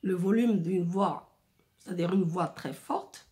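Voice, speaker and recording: A woman teacher explaining a lesson slowly, repeating and rephrasing her points with frequent hesitations. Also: lowish voice, dark tone. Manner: slow, deliberate, repeats and rephrases with many fillers. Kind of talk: slow explanatory French lesson.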